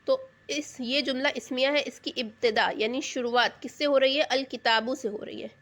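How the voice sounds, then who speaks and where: Patient woman teacher with a higher voice. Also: steady tone, a bit bright. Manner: patient, repeats key terms and asks rhetorical check questions. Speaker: Arabic grammar teacher. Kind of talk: explanatory lesson in Urdu.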